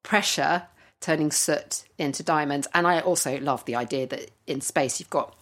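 A woman's voice: sits low, moderate pace. A middle-aged woman from Surrey, chatting eagerly as podcast co-host with lots of ums. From Surrey, England. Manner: chatty, enthusiastic, many ums. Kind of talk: casual chat.

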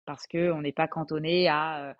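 A woman's voice: sits low, flat delivery, moderate pace. Chatty young woman, muffled audio. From France. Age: 20s. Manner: hesitant, many fillers, chatty. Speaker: guest. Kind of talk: casual conversation.

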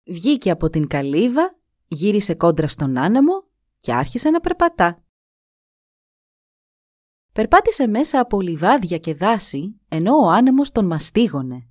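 A woman narrating a folk tale in an expressive, measured way. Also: medium pitch, dry recording, studio quality. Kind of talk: storytelling.

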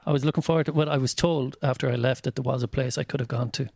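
A man's voice: mid-range voice, fairly even intonation, very fast, creaky, darkish tone, no echo, clean studio sound. A man with a west of Ireland accent, chatting casually and telling comic stories in a wry, self-deprecating way. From County Mayo, west of Ireland. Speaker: stand-up comedian guest. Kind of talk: casual chat, comic anecdotes.

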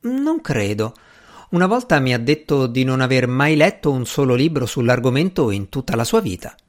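A man's voice: medium pitch, big pitch swings, moderate pace, natural voice. A man voicing a good-natured young woman in an audiobook, earnest and a little teasing. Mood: playful.

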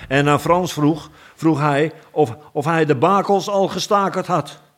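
An excitable dwarf smith voiced by a man reading aloud frets in a thin, raised voice. He talks slowly, as if still puzzling things out. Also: lightly acted. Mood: flustered. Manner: fretful, high-pitched chatter. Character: excitable male dwarf blacksmith. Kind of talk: storybook reading.

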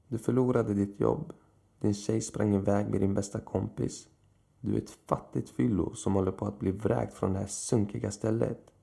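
A man's voice: lowish voice, gravelly, dark tone. Lilith, a cold mocking temptress, read by a man. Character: cruel seductive supernatural woman, cold and mocking.

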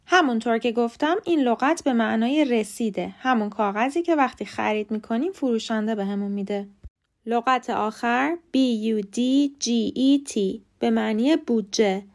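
A woman whose first language is Persian hosts a short scripted lesson podcast. Her voice sits a little high, and she speaks clearly and carefully. She slows down to spell words out one letter at a time. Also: a little mellow. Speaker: podcast host and English teacher.

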